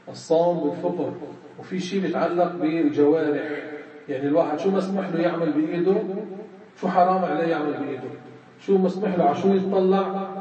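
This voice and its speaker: A man with a Levantine Arabic accent teaching a religious lesson, explaining step by step and quizzing his students. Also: a little high. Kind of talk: classroom lesson on grammar and creed. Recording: echoey room from far off, muffled, crowd.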